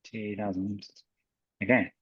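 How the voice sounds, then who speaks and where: A man's voice: lowish voice, flat delivery, slow, husky. Playful male host, dull lo-fi audio. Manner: playful, joking and laughing along. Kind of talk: casual chat. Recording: dull lo-fi sound.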